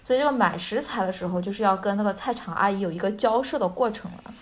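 A woman's voice: mid-range voice, fast. A woman hosting a casual language-lesson chat, explaining things and checking in as she goes. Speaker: podcast host.

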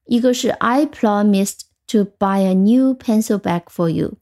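Warm-toned woman teaching English vocabulary. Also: medium pitch. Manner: patient, explains step by step, slows down for English words. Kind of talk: vocabulary lesson.

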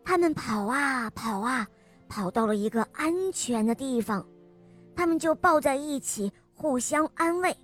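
A woman narrating a children's story in a gentle, expressive voice and speaking directly to young listeners. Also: high voice, a little slow, soft background music.

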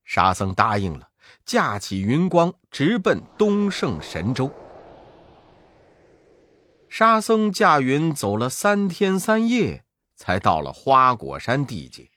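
A man telling a children's story in an expressive, sing-song way. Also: mid-range voice, slow pace.

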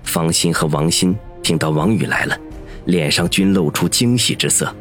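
Very deep-voiced male narrator. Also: moderate pace, a bit bright, soft background music. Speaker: audiobook narrator. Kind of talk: scripted narration.

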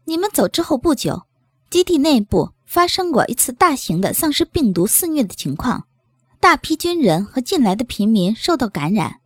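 A woman's voice: fairly high pitch, breathy edge, dry recording. A woman reading an audiobook voices a sly, teasing base leader who talks in a light, giggly way.

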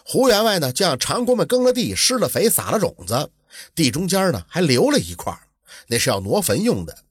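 A man narrating an old folk tale in a lively, colloquial storytelling manner. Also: fairly high pitch, brisk, slightly rough, dry recording, clean studio sound.

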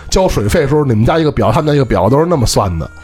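A man's voice: mid-range voice, sing-song, very fast, a little mellow, husky, soft background music. A man from Beijing with a Beijing accent, chatting casually as a podcast co-host and telling stories while checking that listeners follow. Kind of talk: casual chat.

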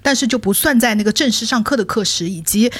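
Fast-talking animated woman. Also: fairly high pitch, husky, dry recording. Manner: animated storytelling, laughs often, rising to mock outrage. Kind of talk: casual chat.

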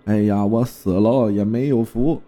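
A man's voice: on the low side, fairly even intonation, measured pace, mellow, faint music behind. A man doing a weeping old ghost woman. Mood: wailing. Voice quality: aged, hoarse, tearful.

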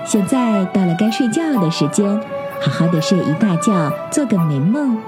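A woman hosting a children's story program, telling a bedtime story in a gentle, sing-song way. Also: mid-range voice, big pitch swings, moderate pace, loud music behind the voice.

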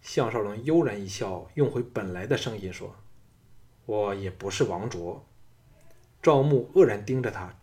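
A man's voice: lowish voice, a little mellow. Male audiobook narrator, dramatic reading. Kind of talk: scripted storytelling narration.

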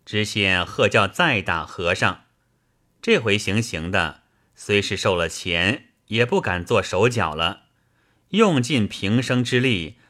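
A man reading a classic novel aloud in a slow, expressive storytelling style. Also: fairly low pitch.

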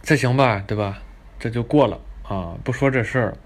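A man's voice: medium pitch, moderate pace. A man telling a comedic story in a crude, profane, ranting way. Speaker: comic storyteller.

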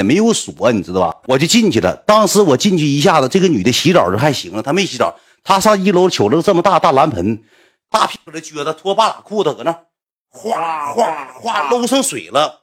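A man with a Northeastern Mandarin accent telling a story in casual chat, animated and acting out the voices of the people in it. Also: high voice. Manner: animated, acts out quoted voices.

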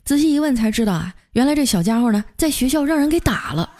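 A woman hosting a comic storytelling show in a chatty, lively manner. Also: high voice, slight background noise. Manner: lively, chatty, drawn-out particles. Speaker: radio story host.

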